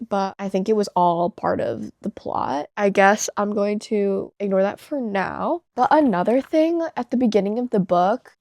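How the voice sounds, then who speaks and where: A woman's voice: mid-range voice, no room sound, clean studio sound. A young woman with a slight lisp from her retainers, chatting casually and gushing in a book vlog. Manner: bubbly, gushing, quick bursts of excitement. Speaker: book vlogger. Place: bedroom at night.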